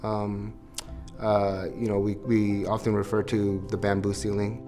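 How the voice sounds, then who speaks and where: A man's voice: on the low side, monotone, unhurried, warm tone, soft background music. An American man answering interview questions conversationally, with frequent hesitant fillers. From United States. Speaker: interview guest.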